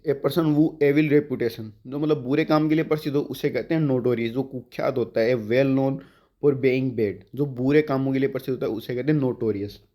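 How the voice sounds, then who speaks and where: A man teaching English vocabulary for exams, explaining words in Hindi and drawing out the English definitions slowly. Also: mid-range voice, darkish tone. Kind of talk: exam-prep vocabulary lesson.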